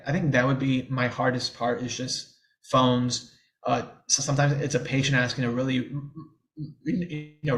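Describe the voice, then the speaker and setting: This podcast guest is a man in his twenties from around New Orleans who stutters openly, with blocks and repeated sounds, while chatting candidly and easily. His voice sits in the mid range, and the recording quality is low.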